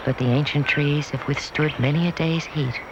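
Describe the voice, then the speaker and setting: A man giving calm, measured, poetic scripted narration for a nature documentary, heard from a worn VHS tape copy. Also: a little high. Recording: dull hissy worn videotape dub.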